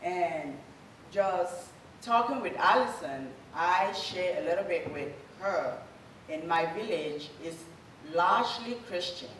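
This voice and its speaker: A woman's voice: lowish voice, animated, slow, fairly bright tone. Woman, echoey and distant. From Cameroon. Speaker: church retreat speaker. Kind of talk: informal talk to a church group. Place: church meeting room. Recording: roomy hall audio from a distant mic with faint noise.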